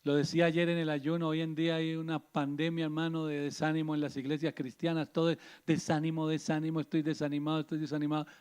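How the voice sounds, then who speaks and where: A man's voice: on the high side, little pitch movement, brisk, hardly any pauses, a little mellow, smooth. A man preaching a sermon as pastor, pressing the listener with rhetorical questions. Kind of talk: radio sermon.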